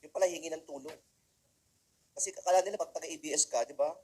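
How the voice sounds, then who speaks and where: A man's voice: on the high side, quick pace, darkish tone, husky. A man from the Philippines giving a humorous talk to students, telling comic stories and speaking straight to the audience. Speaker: motivational speaker.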